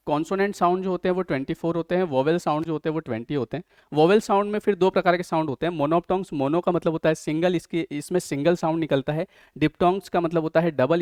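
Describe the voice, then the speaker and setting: A man's voice: fairly high pitch, a little mellow, smooth, no room sound, clean studio sound. Indian man teaching an exam-prep lesson. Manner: explains step by step, keeps checking if students follow.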